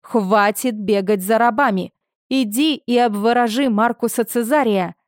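An imperious noble mother with a cruel temper, as a woman reads her, who hisses and snaps out commands. She sits a little above a normal speaking pitch, with a forceful, cutting edge. The voice is dry and close to the mic. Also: unhurried, no room sound, close to an everyday voice. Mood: furious. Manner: hissing, commanding.

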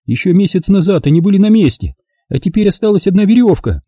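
A man's voice: high-pitched, big pitch swings, fast talker, warm tone, husky, no room sound, studio quality, voice pushed up, heavily acted. A man reading an audiobook, voicing a desperate, tearful young housemaid who pleads bitterly.

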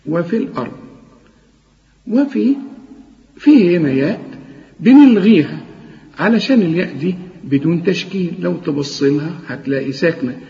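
A man with an Egyptian Arabic accent gives a recitation lesson in a fairly high voice. He explains each rule briskly, then chants the example words slowly and at length. The lo-fi recording is dull, and a long reverb trails behind every word. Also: expressive, creaky, dark tone. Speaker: Quran recitation teacher.

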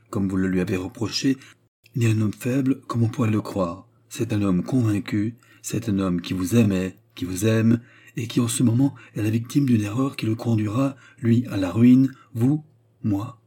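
A grave, sad nobleman, loyal and stern, who speaks earnestly and solemnly, read by a man. The voice is low, mellow and husky, in an audiobook reading of a novel. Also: moderate pace. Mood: earnest, alarmed.

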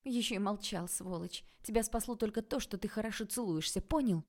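A woman playing a hot-tempered sharp-tongued young woman. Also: medium pitch, a little fast, voice pushed up, natural voice. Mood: sulky. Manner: snapping, raised voice.

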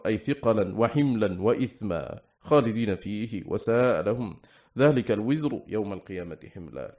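A man's voice: mid-range voice, a little mellow. Man reading classical text, lo-fi sound. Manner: measured, slows down to recite quoted verses and phrases. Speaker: audiobook reader. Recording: slightly dull, lo-fi recording.

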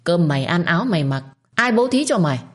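A woman voicing a spiteful, shrill older secondary wife who screams abuse at servants. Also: animated, moderate pace, darkish tone, close to an everyday voice. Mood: furious. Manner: shrieking, scolding, abusive.

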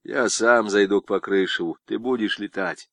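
A man reading an audiobook, voicing an excitable male convict and former pilot who shouts. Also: on the low side, normal speed, dry recording, clean studio sound. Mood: jovial.

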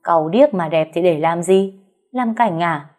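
A woman's voice: mid-range voice, animated, normal speed, warm tone, soft background music, close to an everyday voice. A woman voicing a harsh older mother-in-law who scolds with contempt, reading a storybook tale. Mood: scornful.

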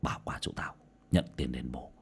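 A man's voice: deep voice, lively intonation, normal speed, mellow, breathy edge, voice pushed down, exaggerated voice. A man voicing a coarse, bad-tempered middle-aged contractor boss who curses and barks orders. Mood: grumbling low. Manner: bullying, cursing, barking orders.

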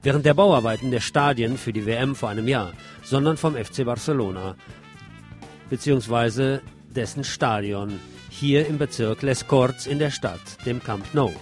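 Drums and guitar play clearly in the background as a male news presenter delivers scripted reports at a moderate pace. He has an average male pitch and an emphatic, slightly wry way of reading.

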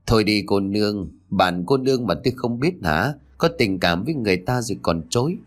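A man's voice: lowish voice, lively intonation, a little fast, natural voice. A man voicing a loyal, teasing male school friend in a read-aloud story. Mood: reassuring.

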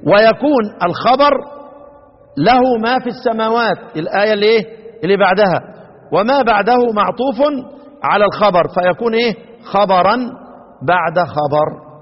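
Egyptian male recitation teacher, high-pitched, slightly muffled recording, lecturing and quizzing the class. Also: long reverb tail. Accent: Egyptian Arabic. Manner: keeps asking the class fill-in questions; recites verses slowly, then explains.

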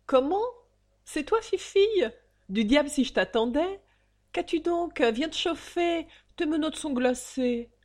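A woman voicing a greedy, irritable older male banker who rants loudly and scornfully in a storybook reading. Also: high-pitched, lively intonation, a little slow, voice pushed up. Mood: grumbling. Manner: loud, ranting and scornful.

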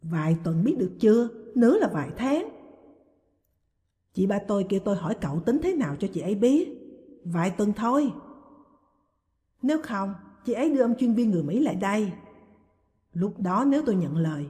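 Lady reading fussy old mom pushing for answers, lively voice, echoey hall. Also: mid-range voice, brisk, pauses often, natural voice. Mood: pressing. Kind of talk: audiobook reading. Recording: long hall reverb.

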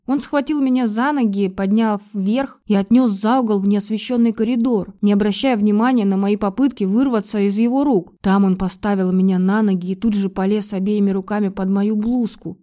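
A woman's voice: mid-range voice, mellow. A woman narrating a first-person romance audiobook with an emotional, dramatic delivery.

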